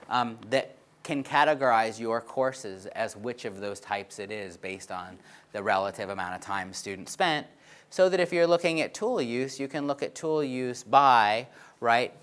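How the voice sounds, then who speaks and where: A man with a mid-range, slightly bright voice presents research findings at a conference. Walking the audience through charts, he uses lots of fillers and keeps checking in with "right?"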